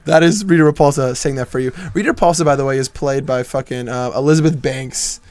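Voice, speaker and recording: A man's voice: medium pitch, darkish tone, clean tone, dry recording. A young man co-hosting a casual movie podcast, talking loosely with lots of swearing, jokes and laughter. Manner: loose, profane and laughing, quick to joke. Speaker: podcast co-host.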